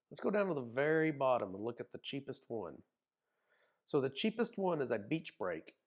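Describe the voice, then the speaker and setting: A man with an Oklahoma accent, casually narrating a screen walkthrough in a folksy, chatty way. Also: mid-range voice. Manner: folksy, chatty, says y'all. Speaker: cruise vlogger.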